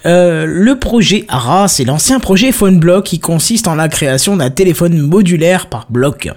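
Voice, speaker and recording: A man's voice: a little high, lively intonation, moderate pace, soft background music. A man hosting a casual tech podcast, teasing and chatty, talking over a headset. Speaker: podcast host.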